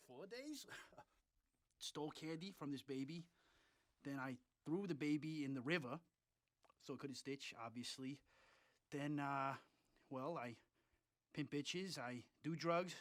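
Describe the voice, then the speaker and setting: A man's voice: medium pitch, measured pace, long pauses, fairly bright tone, no room sound, close to an everyday voice. An actor playing a crude, cocky male gangster who brags offhandedly about his crimes in a confessional. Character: sleazy foul-mouthed male gangster, cocky.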